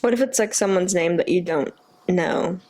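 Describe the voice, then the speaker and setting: A woman's voice: fairly low pitch, moderate pace, a little mellow, poor audio. A young woman co-hosting a podcast, giggling and teasing her partner with playful what-if questions. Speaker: podcast co-host. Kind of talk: casual chat.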